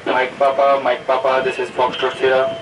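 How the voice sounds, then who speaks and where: A man's voice: medium pitch, monotone, moderate pace, distant mic, poor audio. A man running a radio call drill, his voice coming over a two-way radio in clipped call-sign phrases. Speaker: radio training instructor.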